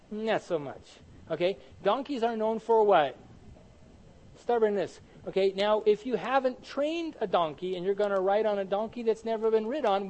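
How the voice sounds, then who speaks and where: High-voiced animated preacher man. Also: poor audio. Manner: animated, asks the audience questions and answers them. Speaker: pastor teaching Bible study. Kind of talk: sermon.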